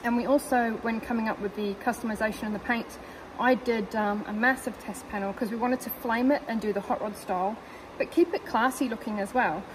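A chatty woman with a fairly high voice, talking casually from inside a car. She rambles happily with plenty of fillers and little laughs, over a faint hiss of ambient noise. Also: steady tone, fairly quick, few pauses. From New Zealand. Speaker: car owner guest. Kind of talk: casual chat. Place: in a parked car.

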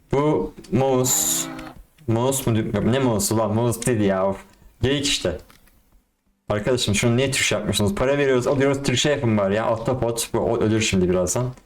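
A young man giving casual, excitable commentary on a game and talking to his viewers in slang. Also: lowish voice, fast talker. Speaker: gaming YouTuber.

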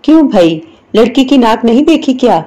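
Boastful scolding middle-aged mother, put on by a woman reader, soft mellow tone, fairly high voice. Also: lively intonation. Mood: proud.

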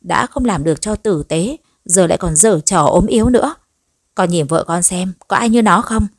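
A woman voicing a sharp-tongued, nagging old mother-in-law in a storybook reading. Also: on the low side, normal speed, no echo, clean studio sound. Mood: scolding. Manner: nagging, sarcastic scolding.

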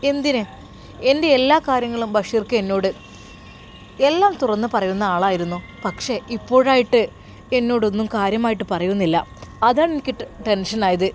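A woman's voice: medium pitch, natural voice. A woman playing a worried young man, earnest and explaining, close to the storyteller's own everyday voice. Faint background hiss sits under the speech.

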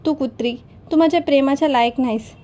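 A playful, dramatic young bride-to-be, voiced by a woman reading the story teases her friend and shouts in mock outrage. The voice sits high and has a mellow, soft tone. It is a storybook reading. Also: quick pace, natural voice.

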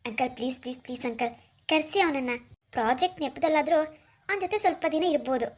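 A woman's voice: sits high, quick pace, slightly rough. A woman voicing an eager young woman in a cartoon who coaxes and pleads with an older man. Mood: pleading. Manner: bright, coaxing, pleading. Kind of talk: cartoon voice acting.

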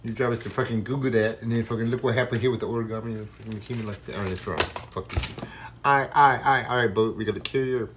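A man's voice: medium pitch, steady tone, fast, noisy background. A man freestyle rapping and ranting in a rambling, combative, heavily profane way.

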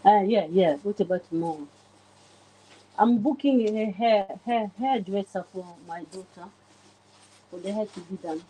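A woman in her forties livestreams casually from her home kitchen while cleaning her oven, greeting viewers by name, with her phone camera pointed at the oven. Her voice is medium-pitched, mellow, and husky, with a measured pace and long pauses. The audio quality is poor.

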